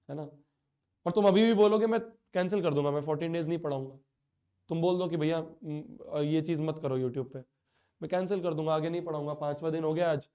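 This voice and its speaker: Young man, online teacher mid-class; higher-pitched, soft warm tone; stuffy nose and sore throat; wounded, repetitive. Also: clear, resonant tone. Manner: hurt, pleading, repeats himself. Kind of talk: live class address to students.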